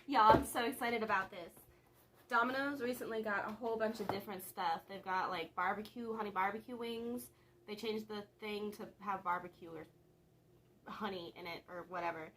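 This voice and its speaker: A woman's voice: medium pitch, normal speed, a bit bright, slight background noise. A young woman vlogger chatting casually and rambling a little, with laughs between thoughts. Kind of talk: casual vlog chat.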